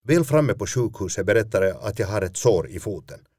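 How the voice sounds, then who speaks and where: A man's voice: fairly low pitch, lively intonation, a little mellow, dry recording. A man, a stage actor, telling a first-person story in a dry, self-mocking way.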